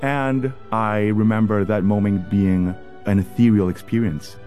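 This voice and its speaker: A man's voice: fairly low pitch, steady tone, a little slow, mellow, faint music behind. A man from Puerto Rico, an opera singer, sincerely telling how he was inspired. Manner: sincere, reflective.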